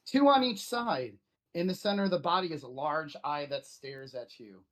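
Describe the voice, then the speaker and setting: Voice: medium pitch, animated, moderate pace. A game master casually narrating a tabletop fantasy game and guiding the players.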